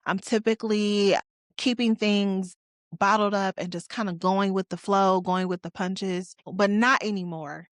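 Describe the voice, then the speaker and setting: A Detroit woman in her forties hosts her own podcast, speaking alone about her life in a candid, reflective, conversational style sprinkled with casual slang. Her voice is mid-range with fairly even intonation and a measured pace, and the recording is dry.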